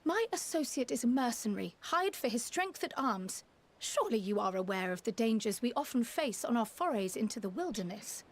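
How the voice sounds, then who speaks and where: Courteous, high-voiced lady leader. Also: very animated, brisk. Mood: composed, explanatory. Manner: polite, formal. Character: composed, courteous, loyal woman leader. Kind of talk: scripted video game acting.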